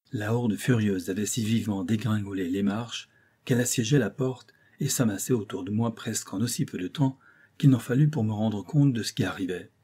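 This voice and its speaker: A man reads a classic story aloud in a measured, dramatic audiobook style. His voice sits low and sounds husky, with a mellow, dark tone. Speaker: audiobook reader. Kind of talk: literary audiobook narration.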